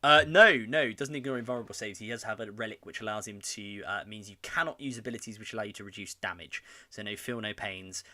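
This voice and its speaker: A man chats his way through a hobby livestream in a bright, forward voice that sits a little low. He rambles and reads viewer comments aloud as he goes, like someone on a video call. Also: fast, few pauses, no echo. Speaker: co-host. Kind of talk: casual hobby chat livestream.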